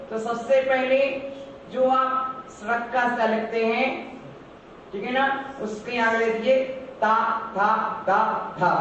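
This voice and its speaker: A man, a monk, chants verses slowly and teaches a group how to pronounce each syllable, repeating the sounds for them. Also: very high voice, fairly bright tone, a little hiss or hum. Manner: slow, drawn-out chanting of verses; instructive, repeats syllables for the class. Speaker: Jain monk teaching a prayer recitation. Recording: echoey distant hall, dull lo-fi.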